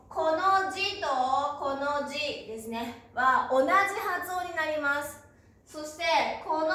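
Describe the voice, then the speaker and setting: A woman's voice: sits high, pushed and bright. A woman teaching a beginner Japanese lesson, patiently spelling out each syllable and affirming with small "un" sounds. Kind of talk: slow, clear classroom lesson. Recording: very echoey room.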